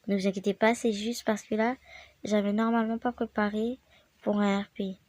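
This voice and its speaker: A woman's voice: mid-range voice, little pitch movement, normal speed, darkish tone, dry recording. A woman with the flu giving a chatty, rambling game tutorial and speaking straight to her viewers. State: sick with the flu, voice affected. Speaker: gaming channel host. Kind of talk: casual game tutorial narration.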